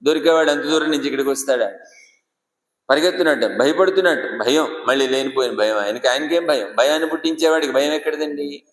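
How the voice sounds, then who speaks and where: Animated preacher, echoey temple hall. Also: male voice, on the high side, quick pace. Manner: animated rhetorical questioning. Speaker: devotional preacher. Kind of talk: Telugu religious discourse. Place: temple shrine.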